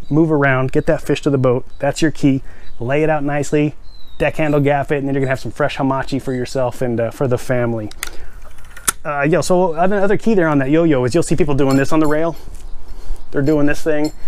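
Man, 40s, fishing channel host, slightly high voice, energetic, plainspoken, repeats steps, outdoors in a backyard. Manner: energetic, gestures while holding a rod; plainspoken, repeats key steps, counts out loud. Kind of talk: casual how-to demonstration.

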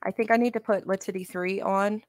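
Smooth-voiced woman hosting a livestream. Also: mid-range voice, fairly even intonation, brisk, no room sound, clean studio sound. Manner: chatty, laid-back, talks to her chat. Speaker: commentary channel host. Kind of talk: casual live-stream commentary.

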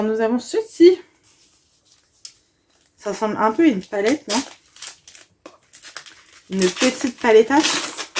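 Young woman, casual unboxing vlogger, gushing and chatty, tired tone, medium pitch. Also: background noise. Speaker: vlogger unboxing a gift box.

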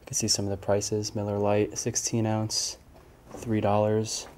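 A man exploring an abandoned speedway building, giving quiet, offhand commentary. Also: on the low side, a little slow, a little hiss or hum. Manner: quiet, flat, offhand remarks. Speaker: urban explorer filming a walkthrough.

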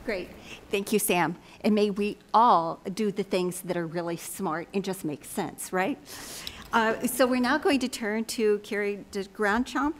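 A woman moderates a policy panel and introduces the speakers in a friendly, slightly flustered way. Her voice sits at a middle pitch. She sounds a little distant from the mic, with faint room noise behind her. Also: a little slow.

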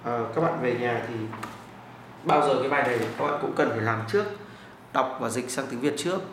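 Man, language teacher, slow drill reading, echoey room, faint hiss. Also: medium pitch. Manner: slow, deliberate repetition of phrases for learners to follow. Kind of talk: language lesson with read-aloud drills. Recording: roomy echo with faint background hiss.

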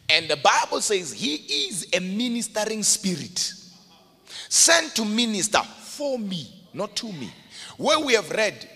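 A man's voice: high-pitched, sharp tone, husky. A man preaching a sermon to a congregation, emphatic and calling for their responses. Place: church hall. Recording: reverberant hall.

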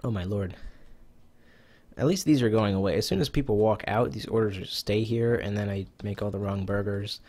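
In a low-quality recording, a man with a somewhat low, slightly mellow voice speaks at normal speed. He's a gaming YouTuber doing casual let's-play commentary on a browser cooking game, muttering to himself, swearing sometimes, and a bit breathless.

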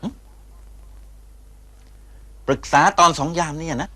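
A man's voice: slow pace, pushed and bright. An actor playing a blunt, teasing middle-aged husband and father in a TV drama. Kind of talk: Thai TV soap acting. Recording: music score underneath.

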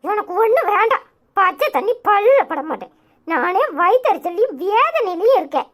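A woman voicing a grieving, defensive old village grandmother with a Tirunelveli Tamil accent, speaking low and weary in a cartoon. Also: big pitch swings, moderate pace. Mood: sulking. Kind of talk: cartoon voice acting.

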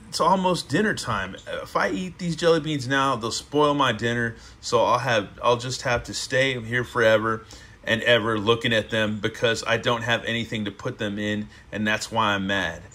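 A man's voice: mid-range voice, normal speed, sharp tone. A man voicing a young girl who fusses and complains, read aloud from a storybook. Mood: fussing. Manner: fussy complaining. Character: angry young girl stuck with jelly beans.

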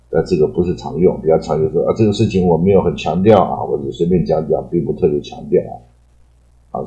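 A man from Taiwan teaching English vocabulary in a rambling lecture, loosely explaining words and padding his sentences with drawn-out particles. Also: a bass voice, dark tone, rough recording.

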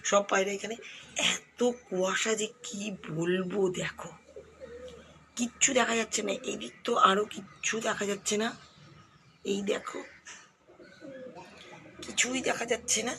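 Slightly hoarse woman vlogging outdoors. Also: medium pitch, fairly even intonation, moderate pace, pauses often, bright, forceful tone, low-quality recording. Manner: chatty, keeps pointing things out to viewers. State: voice a little hoarse. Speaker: lifestyle vlogger. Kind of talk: casual vlog to camera. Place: outdoors on a foggy rooftop and yard. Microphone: handheld phone camera. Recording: phone audio with outdoor noise.

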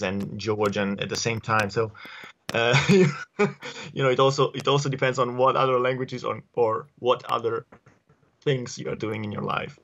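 Speaking from a bookshelf-lined study at home in Italy, this fortyish male guest fields interview questions haltingly, full of fillers and false starts. His pitch leans low, yet the tone is fairly bright. The sound is dull, lo-fi video call audio picked up by an earphone headset mic.

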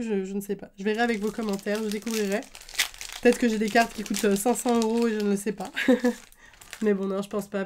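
A young woman giving casual unboxing commentary as a card-collecting YouTuber, chatty and enthusiastic, often pausing on fillers. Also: mid-range voice, a little mellow.

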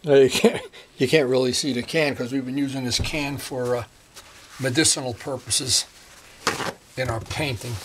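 A man's voice: medium pitch, fairly even intonation, normal speed, long pauses, slight background noise. A man chatting casually through a motorcycle DIY project in his garage, rambling with jokey asides. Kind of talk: casual workshop vlog.

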